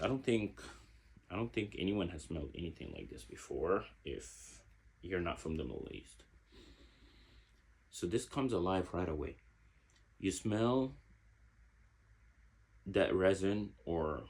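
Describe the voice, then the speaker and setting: A man's voice: deep voice, slightly rough. A man from Egypt, giving a casual product review in a reflective way and searching for his words. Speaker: fragrance reviewer.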